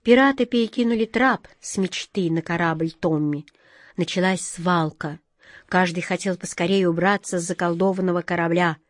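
A woman narrating a children's storybook in a measured, expressive way. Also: on the low side, dry recording, clean studio sound. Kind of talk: storybook reading.

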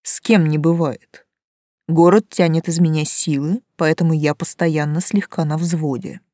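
Sly teasing male forest spirit, calm menace, lowish mellow tone, voiced by a woman reader. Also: unhurried, no echo, studio quality.

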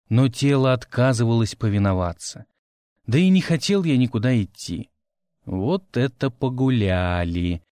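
A man tells a fantasy story in the first person, with a dry, wry humour. His pitch moves around a lot, giving every phrase shape and life. The recording is close and dead, with no room sound around his voice. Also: a little mellow, no room sound. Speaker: audiobook narrator. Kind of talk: expressive audiobook narration.

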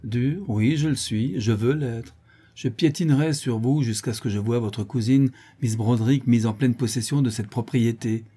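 A stern middle-aged country lawyer, read by a man in an audiobook presses his questions one after another, coldly and without mercy. The voice is warm and mellow, with a husky grain. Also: medium pitch, normal speed, natural voice. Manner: cold, hammering cross-examination.

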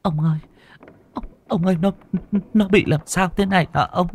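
A man's voice: high-pitched, normal speed, breathy edge, voice pushed up. A man voicing a terrified middle-aged wife and mother who stammers and pleads.

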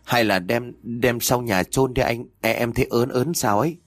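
A man's voice: medium pitch, normal speed, no echo, studio quality, lightly acted. A man voicing a timid young male sidekick who stammers and trembles with fear.

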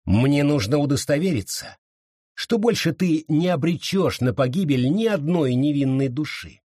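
A man voicing a fierce, vengeful young woman who speaks slowly and coldly, with mocking menace and a husky tone. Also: a little high, animated, darkish tone, no room sound, clean studio sound. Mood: menacing. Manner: slow, menacing, taunting delivery.

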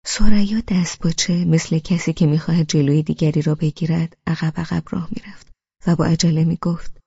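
A woman narrating an audiobook in the first person, in a hushed, intimate, half-whispered way. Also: deep voice, fairly even intonation, gravelly, breathy edge, no echo, lo-fi sound.

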